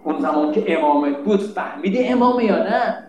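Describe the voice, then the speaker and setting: A man's voice: high-pitched, animated, darkish tone, roomy sound, dull audio, a little hiss or hum. A man giving a religious sermon, emphatic and scolding, asking rhetorical questions. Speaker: preacher.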